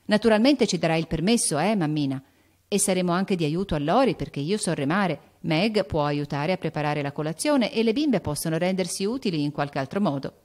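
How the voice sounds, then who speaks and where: A woman voicing a spirited, impulsive teenage girl in an audiobook, with an excited, emphatic delivery. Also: fairly low pitch, a little fast, natural voice. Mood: eager. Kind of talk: audiobook character voice.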